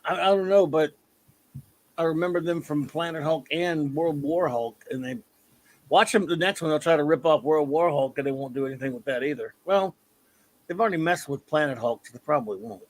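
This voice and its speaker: Opinionated co-host, brighter-pitched male voice, blunt and complaining. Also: a little fast. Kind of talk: casual chat.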